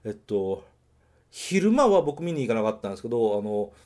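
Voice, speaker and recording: A man's voice: on the low side, sing-song, moderate pace, darkish tone. A man from Nagoya hosting a podcast, chatting casually about a film and correcting himself as he thinks aloud. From Nagoya, Japan. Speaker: podcast host reviewing films. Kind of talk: casual solo film review.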